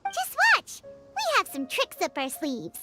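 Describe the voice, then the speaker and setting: Paimon, a squeaky tiny fairy girl. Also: wildly swooping pitch, takes it slowly, exaggerated voice. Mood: playful, confident. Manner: squeaky, chirpy, speaks of self in third person. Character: tiny excitable childlike floating fairy companion girl. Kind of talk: anime game voice acting. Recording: loud music behind the voice. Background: game music.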